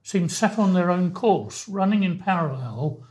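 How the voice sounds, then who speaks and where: A man who grew up in Wales, speaking as a podcast guest in a measured way with hesitant starts. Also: sits high, animated, a little mellow. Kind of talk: conversational discussion.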